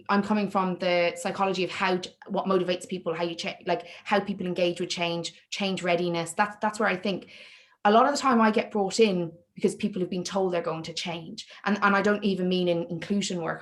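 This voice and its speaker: A woman speaker on leadership and inclusion, presenting and answering questions in an online meetup, talking in a chatty, self-deprecating way with many restarts. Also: on the low side.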